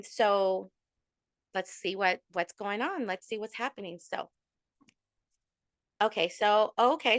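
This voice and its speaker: A woman's voice: a little high, pushed and bright, dry recording, clean studio sound. A woman giving a casual monthly tarot reading to her followers, chatty and full of fillers, sprinkling in Spanish endearments. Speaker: tarot reader.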